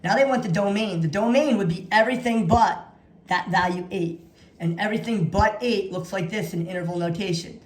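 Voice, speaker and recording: A woman's voice: mid-range voice, brisk. A woman teaching math in an instructional walkthrough, dictating notation piece by piece and repeating key phrases for emphasis. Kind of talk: instructional walkthrough of practice problems. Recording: echoey room sound.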